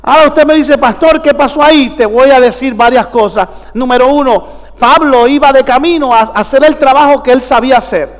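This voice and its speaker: A man preaching a sermon in a very high voice, pushing hard and calling out questions for his congregation to answer. His words ring out with a long echo through a large church. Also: brisk. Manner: emphatic, calls out questions to the congregation. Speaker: pastor.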